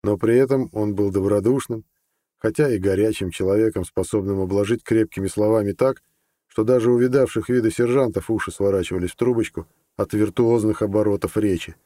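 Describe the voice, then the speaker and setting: Man narrating a fantasy audiobook, dark tone. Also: fairly low pitch, brisk, no echo. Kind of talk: scripted narration.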